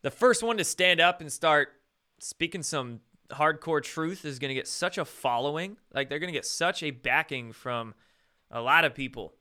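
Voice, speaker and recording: A man's voice: on the high side, animated, moderate pace, sharp tone, clear, resonant tone. A male host doing live-stream commentary, ranting with sarcasm and frequent swearing.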